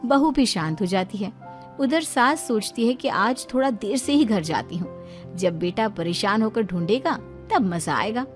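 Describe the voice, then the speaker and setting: A woman's voice: mid-range voice, expressive, measured pace, soft background music. Woman narrating a dramatic story.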